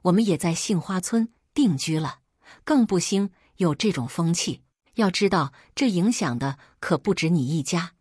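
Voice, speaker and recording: A woman's voice: fairly low pitch, lively intonation, normal speed, a little mellow, slightly rough, dry recording, clean studio sound. Woman doing a stern old village chief. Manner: stern, serious.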